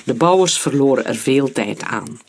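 A narrator reading a historical story in a steady storytelling voice. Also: mid-range voice, moderate pace, slightly rough.

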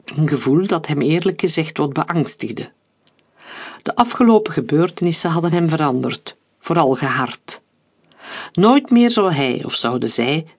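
A narrator reading an adventure story aloud in a steady, dramatic audiobook style. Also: medium pitch, breathy edge.

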